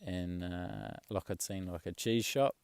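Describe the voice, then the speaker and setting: A young man chatting casually in a vlog, rambling and relaxed, swearing offhand. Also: deep voice, measured pace, vocal fry, clean tone, no room sound. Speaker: travel vlogger. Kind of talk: casual chat.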